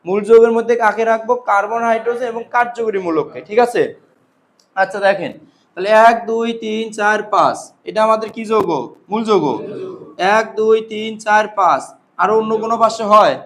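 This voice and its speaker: High-voiced male chemistry teacher. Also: a little fast, a bit bright. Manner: drills students with repeated questions and answers. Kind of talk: classroom lecture with call-and-response questions. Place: classroom.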